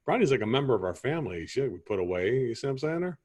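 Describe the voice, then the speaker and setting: A man's voice: mid-range voice, sing-song, very fast, a little mellow, husky. A man playing a homeowner customer in an improvised sales training role-play, rambling and often asking if you see what he's saying.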